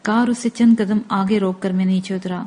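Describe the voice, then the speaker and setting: A woman narrating an audiobook in a steady, even storytelling manner. Her voice is mellow and dark, with a warm softness in the tone. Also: medium pitch.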